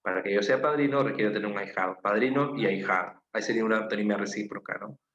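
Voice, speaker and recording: A man's voice: lowish voice, racing, a bit bright. A man with a Peruvian Spanish accent, teaching an online class. He explains patiently, repeats key phrases and checks in with his students. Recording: roomy, slightly dull with faint noise.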